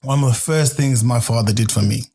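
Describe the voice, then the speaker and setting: A man's voice: medium pitch, brisk, gravelly, mellow. A man from Africa hosting a podcast, telling a story in casual chat and often tagging his sentences with "right?". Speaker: podcast host.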